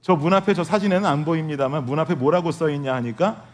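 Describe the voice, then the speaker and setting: A man's voice: a little high, fast talker. A male pastor preaching a sermon, telling a humorous family story and speaking directly to his congregation. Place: church sanctuary.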